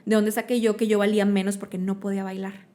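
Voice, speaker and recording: A woman's voice: medium pitch, flat delivery, quick pace, dark tone. A woman from Monterrey, Mexico, with a Mexican Spanish accent, speaking as a guest in an interview. She talks expressively, with many fillers and tag questions. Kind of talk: conversational interview storytelling.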